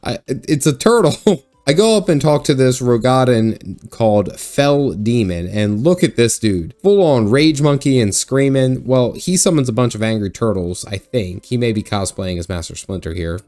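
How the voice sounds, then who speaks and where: A man's voice: mid-range voice, a little mellow. A man narrating a recap of his own game session, sarcastic and joking, often laughing at the game. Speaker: gaming video host.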